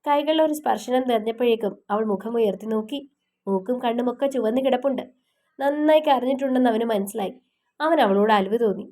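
A woman's voice: fairly high pitch, brisk, mellow. A woman narrating a romance audiobook and chatting to her listeners while congested with a cough. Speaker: storyteller, channel host.

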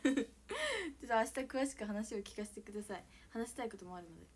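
A young woman with an Okayama accent, somewhat high-voiced, chatting on her idol live stream. She reads viewer comments, bursts into squeals and giggles, and then drops to a near whisper. The talk stays loose and casual throughout. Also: a little fast, slight background noise. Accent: Okayama Japanese. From Okayama, Japan. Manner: animated, swings from squealing shouts to soft whispers, frequent giggles.

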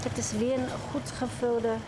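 A woman's voice: fairly high pitch, level tone, moderate pace, heavy background noise. A woman hosting a cooking video, chatting casually as she explains each step at the stove. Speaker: cooking channel host.

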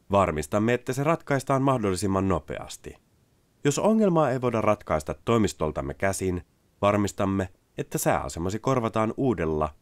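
Deep-voiced man, dry voice-over. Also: no echo. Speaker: narrator. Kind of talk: scripted product narration.

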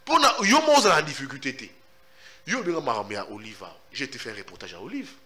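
A man's voice: medium pitch, sing-song, fast talker, pushed and bright. A man speaking French with a Congolese accent, a journalist giving emphatic, insistent answers in an interview. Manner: emphatic and insistent, repeats himself. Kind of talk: animated interview answers, mixing in Lingala.

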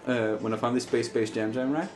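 A man's voice: medium pitch, steady tone, fairly quick, roomy sound, over music. A young man chatting casually over a horror game, rambling and swearing, often restarting his sentences. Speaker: let's play commentator.

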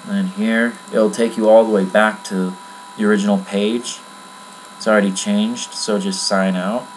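A man's voice: lowish voice, flat delivery, moderate pace, rough recording. Offhand man with a faint mains hum. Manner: rambling and offhand, with many fillers. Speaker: tutorial maker. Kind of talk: casual screen-recorded software tutorial.

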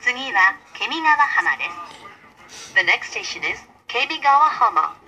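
A woman's voice: a little high, big pitch swings, moderate pace, pushed and bright, rough recording. Woman's announcement of spliced-together words. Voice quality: clipped, formal announcing delivery. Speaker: train announcer. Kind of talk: pre-recorded station announcements.

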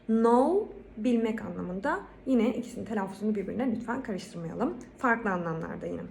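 A woman with a Turkish accent giving a pronunciation lesson, saying each English word louder and higher, then explaining it calmly. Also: brisk, creaky, a little hiss or hum. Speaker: English teacher.

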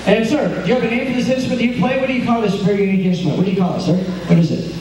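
A man's voice: high voice, racing, a little mellow. A man working a live stage show as a hypnotist, teasing and playful with volunteers, recorded on a distant home video camera in a large hall. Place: large hall at an after-prom event. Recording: echoey hall, far from camcorder, noisy.

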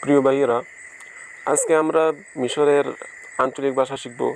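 A man teaching phrases one by one, saying each one slowly and repeating it. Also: medium pitch, steady tone, slight background noise, low-quality recording. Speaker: language teacher. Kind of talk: phrase-by-phrase language lesson.

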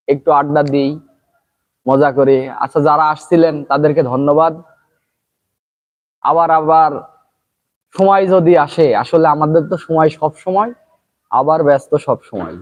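A Bangladeshi man with a Pabna accent who hosts his own channel, singing a folk song loudly and then chatting quickly and casually with his viewers. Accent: Pabna Bengali. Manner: sings a folk song in a high strained voice, then chats quickly. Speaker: channel host. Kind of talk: casual live chat with singing.

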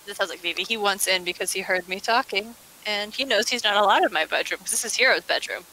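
A woman's voice: medium pitch, fast talker, pushed and bright, slight background noise, poor audio. A woman chatting casually and playfully during a game session, often breaking into laughter.

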